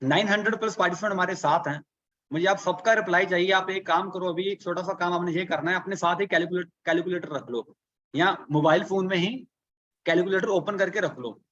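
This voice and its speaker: A man's voice: sits high, fairly quick, fairly bright tone, dull audio. A man coaching a live online workshop, asking rhetorical questions and working through sums step by step.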